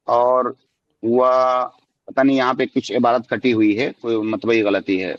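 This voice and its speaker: A man, an Islamic scholar, reads Arabic passages and explains them slowly and deliberately in a live discussion. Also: mid-range voice, flat delivery, dry recording, dull audio.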